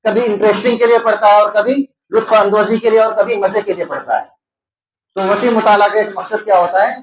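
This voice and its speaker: A man's voice: high-pitched, steady tone, slight background noise. A man with an Indian Urdu accent gives an exam-prep lecture as a teacher. He asks questions and answers them himself, repeating key terms to explain them. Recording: echoey room.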